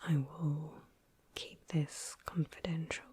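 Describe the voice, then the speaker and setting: A woman whispering softly and gently through an ASMR interview roleplay. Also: deep voice, little pitch movement, slight background noise. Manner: soft, slow, gentle whispering. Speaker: ASMR creator.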